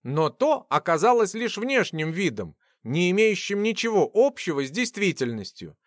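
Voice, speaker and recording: A man reads a fantasy novel aloud with expressive, story-driven delivery. His voice sits fairly high and moves in a lively way through each sentence. The recording is close and completely dry. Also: normal speed, no echo. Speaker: audiobook narrator. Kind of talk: scripted fantasy narration.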